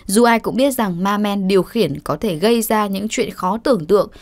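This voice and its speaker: A woman's voice: medium pitch, moderate pace. A woman reading a scripted news report as the narrator.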